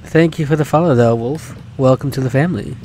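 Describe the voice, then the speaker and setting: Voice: mid-range voice, fairly quick, warm tone, slight background noise. A co-streamer bantering during a game, laughing often and mock-indignant. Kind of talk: casual gaming chat.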